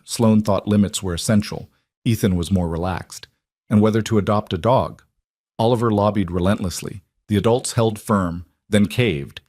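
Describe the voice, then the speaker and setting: Low-voiced male story narrator. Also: dry recording, studio quality. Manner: steady, measured storytelling.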